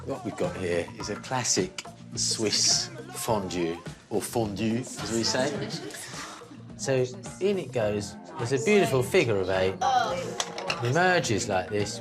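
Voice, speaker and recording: A man talking in a jokey, playful way about his family's meals. His pitch swings widely and freely. Clear music plays underneath. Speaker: father in a family food experiment. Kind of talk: casual chat.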